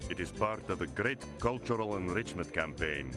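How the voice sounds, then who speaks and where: Formal officious game local, really low voice, music going behind him. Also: male voice, animated, moderate pace. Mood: officious, polite. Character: polite, officious male Latin American local. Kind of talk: video game voice acting. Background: music clearly behind the voice.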